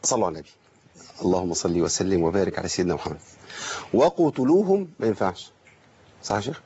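A man with an Egyptian accent teaching Quran recitation, patiently explaining and slowly drawing out sounds to demonstrate them. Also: low voice, dark tone, slight background noise. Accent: Egyptian Arabic. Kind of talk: correcting a student's recitation. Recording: dull lo-fi recording.

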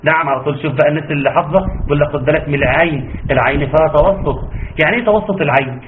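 A man with an Egyptian Arabic accent who teaches Quran recitation in an online class. He stretches out his fillers and slowly demonstrates each sound. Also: a little high, slight background noise. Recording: tinny phone-like line, faint ambience.

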